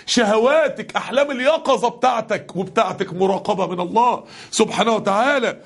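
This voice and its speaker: A man with an Egyptian Arabic accent preaching a passionate sermon to a congregation, his voice climbing to shouts on the key lines. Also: sits high. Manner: impassioned, rising to shouts on key verses.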